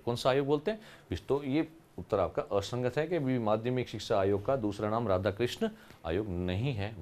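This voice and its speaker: A man's voice: fairly low pitch, a little mellow. Man explaining answers in a lecture. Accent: Rajasthani. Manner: explains step by step, asks and answers his own questions. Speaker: teacher. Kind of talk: exam solution lecture.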